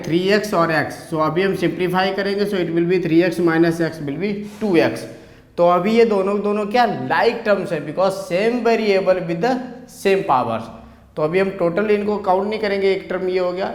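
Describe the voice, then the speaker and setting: A man with an Indian accent teaching a maths lesson, moving between slow, dictated definitions and quicker explanations. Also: sits high, echoey room.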